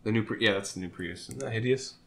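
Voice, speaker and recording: Male host, lower voice, easygoing opinionated car-talk delivery. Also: vocal fry. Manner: laid-back, opinionated, quick asides. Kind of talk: casual chat. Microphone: table microphone.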